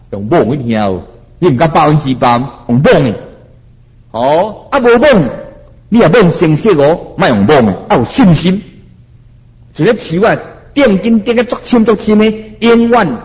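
A man with a Taiwanese Hokkien accent preaches a Buddhist sermon, chanting verses slowly and then urging his listeners on. His fairly high voice swings widely in pitch. The recording sounds dull and lo-fi.

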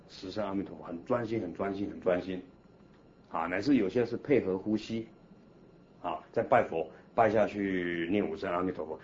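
Low-voiced monk teaching, lo-fi. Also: male voice. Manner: animated, coaxing, leads the group in slow chanting. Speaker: Buddhist monk teaching a class. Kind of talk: Buddhist teaching talk. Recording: dull lo-fi recording with faint hiss.

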